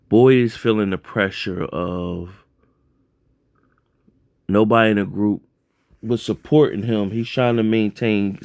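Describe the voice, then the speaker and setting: Low-voiced man rambling through a recap. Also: a little mellow, no room sound, clean studio sound. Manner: loose and rambling, heavy on fillers and self-corrections. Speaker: TV episode recapper. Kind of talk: casual spoken recap.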